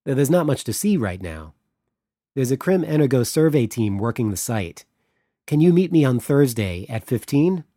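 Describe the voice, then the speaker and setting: A man's voice: medium pitch, very animated, normal speed, dark tone, no room sound, clean studio sound, pitched above the performer's own voice. A man voicing a courteous French male head of mission with a thick but pleasant French accent. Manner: polite, businesslike.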